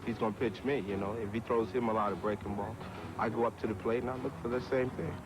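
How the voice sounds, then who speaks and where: A man, a professional baseball hitter, answering interview questions haltingly and repeating fillers. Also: mid-range voice, fairly even intonation, music in the background, rough recording. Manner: halting, repeats "you know".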